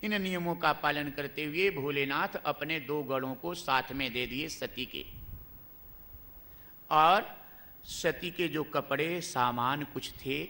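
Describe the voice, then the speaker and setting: Bright-voiced male devotional preacher. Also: mid-range voice. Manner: animated storytelling. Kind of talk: devotional storytelling discourse.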